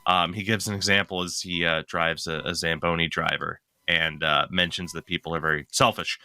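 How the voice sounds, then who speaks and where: A young man living in Maine co-hosts a podcast with a deep, sharp voice, speaking briskly in a level tone. The chat is casual: he rambles, corrects himself as he goes, and swears now and then.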